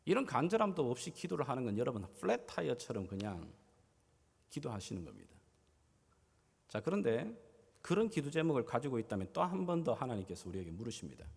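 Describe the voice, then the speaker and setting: A man preaching a sermon as pastor, dramatic, swinging his loudness and pitch as he acts out scenes. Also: big pitch swings, a little fast, vocal fry, husky, long reverb tail. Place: church sanctuary.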